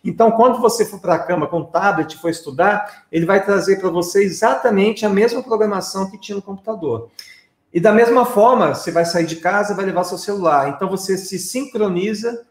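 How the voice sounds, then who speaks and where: A man's voice: sits high, a little fast. A man, teaching English on a screen-share tutorial, chatty and explaining step by step with frequent checks. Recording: echoey room.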